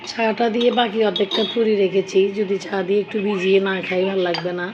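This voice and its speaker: A young woman with a cold-roughened, hoarse voice, casually talking viewers through her breakfast cooking in her home kitchen. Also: mid-range voice, fairly even intonation, fast talker, muffled recording, background noise. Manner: chatty, shows each step. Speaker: vlogger.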